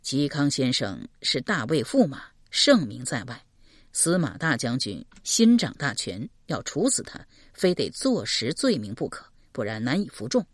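A woman voicing a calm, scheming male general who explains his plan slowly and carefully. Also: extremely low pitch, no echo, studio quality, pitched below the performer's own voice, full character voice. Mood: measured, explaining. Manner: slow measured explaining.

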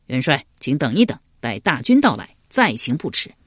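A man's voice: mid-range voice, big pitch swings, moderate pace, a bit bright, breathy edge, dry recording, clean studio sound. A man voicing a stubborn, loyal male general who scorns his captors. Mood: wary.

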